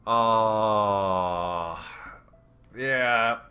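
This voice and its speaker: A man's voice: lowish voice, very slow, pushed and bright, clean tone. A man hosting a let's play, giving emotional, rambling commentary full of fillers. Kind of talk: game commentary.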